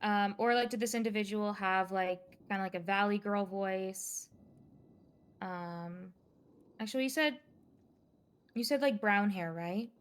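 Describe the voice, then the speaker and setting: Woman playing a cop taking a statement, smooth voice, lots of ums, game roleplay. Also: mid-range voice, a little slow, long pauses, close to an everyday voice. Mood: methodical. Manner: questioning, with many fillers. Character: methodical female officer taking a statement. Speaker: police investigator questioning a witness. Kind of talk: roleplay in a live-streamed game.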